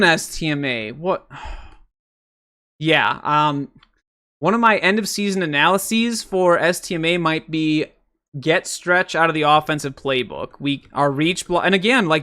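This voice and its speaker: A man's voice: a little high, bright, forceful tone. A man casually breaking down football game film, thinking aloud with frequent fillers and exasperated outbursts.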